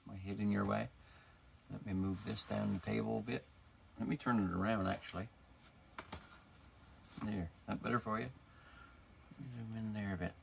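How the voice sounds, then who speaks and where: Guy doing a diy bike vlog, gravelly low voice, jokey and talks right to you. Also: fairly even intonation, moderate pace, pauses often, slight background noise. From Newfoundland, Canada. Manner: chatty, joking, talks straight to the viewer. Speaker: DIY motorcycle vlogger. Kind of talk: casual how-to narration to camera.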